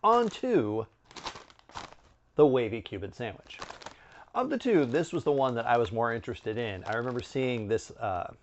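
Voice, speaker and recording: A middle-aged man giving a casual product review to camera, conversational, with musing pauses and asides. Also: mid-range voice, lo-fi sound. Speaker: snack review video host. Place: indoor room with bookshelves.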